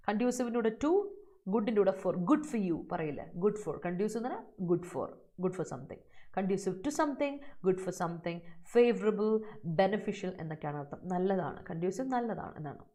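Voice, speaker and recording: Woman, English vocabulary teacher for a live online exam-prep class, explains in Malayalam, reads student answers slowly. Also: mid-range voice, warm tone.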